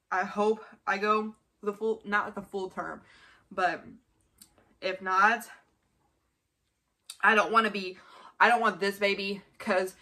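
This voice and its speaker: Her mid-range voice has a sharp tone as she talks casually to the camera a short distance away. She's a twenty-five-year-old vlogger filming a mukbang indoors in a small bedroom, rambling informally and often repeating herself.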